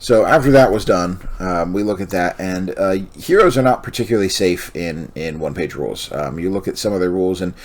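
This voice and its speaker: A man hosting a casual walkthrough of building a tabletop army list, rambling with many pauses and self-corrections, and sounding tired. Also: low voice. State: yawning, tired. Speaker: host.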